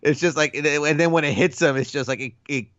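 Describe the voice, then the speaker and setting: A man's voice: on the high side, fast talker, fairly bright tone, no room sound, lo-fi sound. A man co-hosting a film podcast, casual and enthusiastic, tossing in "bro" as he recaps scenes. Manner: laid-back, enthusiastic, says "bro". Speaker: podcast co-host.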